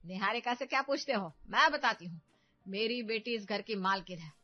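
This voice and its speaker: A woman voicing a domineering, scheming middle-aged mother in a cartoon story, loud and scolding. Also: mid-range voice, moderate pace, no room sound, highs cut off, natural voice.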